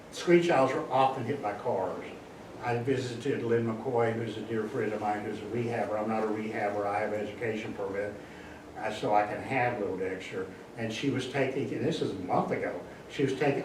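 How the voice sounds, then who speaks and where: Chatty older man, echoey room. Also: medium pitch. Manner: chatty, animated, acts out bird voices. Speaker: guest speaker on birds. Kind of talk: casual public talk. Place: library meeting room. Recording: echoey room, distant mic, faint hiss.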